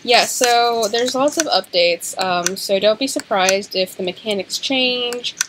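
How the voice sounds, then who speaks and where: Young woman, soft-spoken, mumbling, let's-play chat, noisy recording with clicks. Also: a little high, unhurried. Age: young adult. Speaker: co-player.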